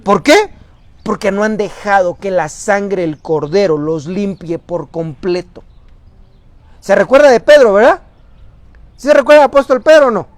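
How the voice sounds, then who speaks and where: A man preaches a sermon as pastor in a church, asking the congregation rhetorical questions and swinging between loud and soft delivery. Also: high voice, lively intonation, moderate pace, no echo.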